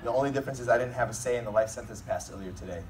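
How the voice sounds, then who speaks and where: A man's voice: medium pitch, very fast. A man delivering a comedic best man's wedding speech in a joking, teasing, informal manner. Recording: distant mic, noisy room recording.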